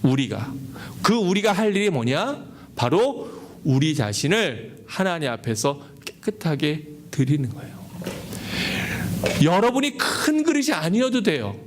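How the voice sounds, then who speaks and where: A man's voice: high voice, wildly swooping pitch, measured pace, slight background noise. A man preaching a sermon as pastor, earnest and asking his congregation questions. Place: church service held in a cinema hall.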